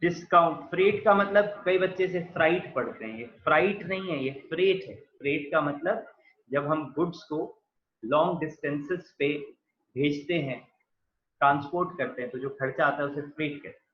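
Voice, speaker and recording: A man's voice: fairly high pitch, normal speed. A man giving a patient classroom lecture on accounting. He talks to his students as "beta" and writes on a board as he speaks. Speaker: accounting teacher. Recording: echoey dull lo-fi room sound.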